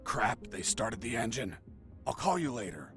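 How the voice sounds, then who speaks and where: An actor playing a wry, deadpan escaped soldier in a video game, delivered like dramatic storytelling. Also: male voice, mid-range voice, normal speed, soft background music. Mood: tense. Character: wry, cool male action hero, escaped soldier prisoner. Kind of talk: video game dialogue and narration.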